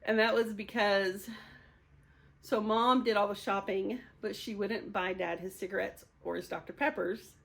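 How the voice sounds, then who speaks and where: A woman's voice: medium pitch, fairly even intonation, moderate pace, gravelly. A woman in her fifties sharing a personal testimony, speaking candidly and with emotion, often laughing through hard memories.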